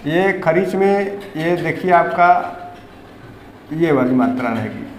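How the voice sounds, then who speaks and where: A man leads a grammar lesson in a classroom, asking his students the same thing over and over and correcting them patiently. His voice sits high and unhurried. The room rings with a long, roomy echo. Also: expressive, a little hiss or hum. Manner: drills students with repeated questions. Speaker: teacher. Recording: echoey classroom with long reverb.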